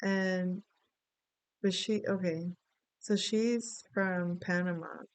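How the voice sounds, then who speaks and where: A woman's voice: lowish voice, steady tone, takes it slowly, clean tone, dry recording, poor audio. A middle-aged woman from the Dominican Republic, giving a casual spoken astrology reading and rambling through a story with many asides. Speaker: astrology and tarot reader.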